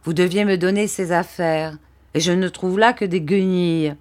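A calm older man speaks in a measured, fairly gentle tone, firm about business. A woman reads him in her own voice. His manner stays steady and unhurried. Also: on the low side, natural voice.

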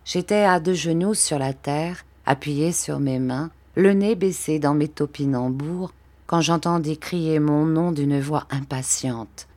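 A woman reading a classic novel aloud as narrator, slow and clear. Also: sits low, darkish tone. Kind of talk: storybook reading.

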